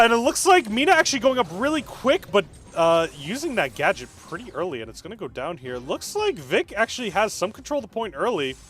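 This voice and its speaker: A young man calls a live esports match as a streamer, his voice sitting high and swinging up and down with each play. He breaks off now and then to answer chat, with faint music playing under him. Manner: excitable, reacts to chat between calls.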